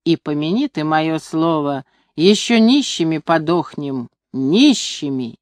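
A reader voicing a gruff, bitter old grandfather in a story, grumbling low. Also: lively intonation, slow pace, a little mellow, no room sound. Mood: hushed fearful.

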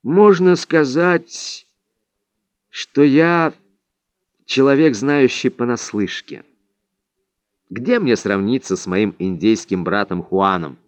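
Man doing a soft-spoken old male healer; gentle, reverent, unhurried, lively pitch. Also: no room sound. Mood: humble.

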